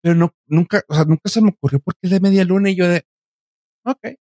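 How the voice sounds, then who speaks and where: A young man with a Mexican Spanish accent chatting casually, animated and slangy, acting out the people he quotes. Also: high-pitched, quick pace, no echo, studio quality. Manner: animated, says "güey" constantly, acts out quotes. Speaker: podcast co-host. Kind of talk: casual chat.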